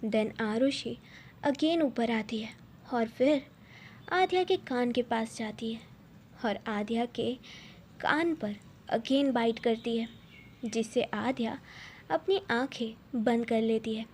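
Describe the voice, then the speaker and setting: Slow-paced woman narrating a story. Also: a little high, a little mellow, a little hiss or hum. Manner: slow, halting storytelling with short phrases. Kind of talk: reading a romance story aloud.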